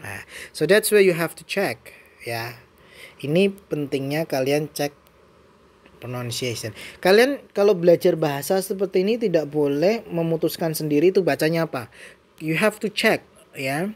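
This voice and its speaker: A teacher with an Indonesian accent walks through a bilingual vocabulary lesson, switching between English and Indonesian and dropping in playful asides. The voice sits at a middle pitch. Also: lively intonation, normal speed.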